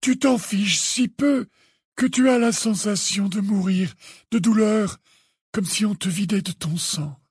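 An old wizard headmaster speaks slowly and gently, never losing his calm , as a man puts him on. The voice sits high and a bit husky, with a lively lilt. It sounds close and dry. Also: no echo, heavily acted. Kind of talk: audiobook character voice.

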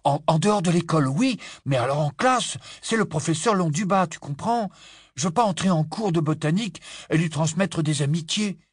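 A keyed-up young boy in an audiobook, pitched well up and rushing out his news, slightly husky, voiced by a man. The sound is close and dry. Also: animated, no room sound. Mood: exasperated. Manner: breathless, tumbling over his words. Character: excited schoolboy, eager big brother. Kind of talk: audiobook character voice.

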